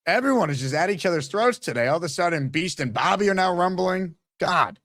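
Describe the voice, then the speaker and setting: A man's voice: high-pitched, lively intonation, brisk, a bit bright, soft background music. A man casually hosting a live sports fan call-in show.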